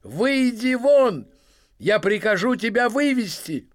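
A man voicing an old police officer who wheezes and shouts orders in a storybook reading. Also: a little high, wildly swooping pitch, slow, full character voice. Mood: furious. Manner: hoarse shouting.

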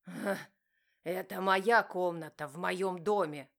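A woman voicing an angry, domineering young husband who growls and shouts in a lowered, slower voice. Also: steady tone, natural voice. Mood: furious.

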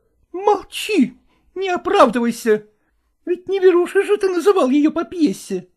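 A man reading a story aloud, voicing a jealous, demanding actress wife who scolds and shouts at her husband. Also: very high-pitched, lively intonation, normal speed, pitched above the performer's own voice. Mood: reproachful. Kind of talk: audiobook character voice.

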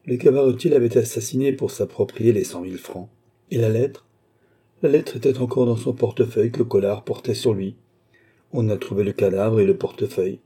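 A cold, calculating baronet, read by a man narrating a novel, talking with calm composure. His voice is low and husky, with a dark, mellow tone. He never raises it. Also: brisk. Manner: calm, cool and smooth. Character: cold scheming aristocratic male baronet.

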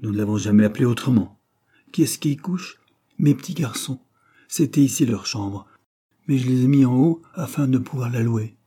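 A timid young mother answers politely and anxiously, as a male reader voices her. The voice is lifted above his own husky, dark tone. She is eager to please her guests. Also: mid-range voice, moderate pace, pitched above the performer's own voice, close to an everyday voice.

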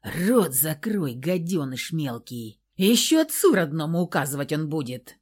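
A vicious, brutal husband bellows crude threats in a slow, heavy snarl, acted by a woman reading the story. The lines come out loud and drawn out. The tone stays coarse and menacing throughout. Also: deep voice, sing-song, breathy edge, exaggerated voice. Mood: threatening. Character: brutal abusive husband, adult man, vicious.

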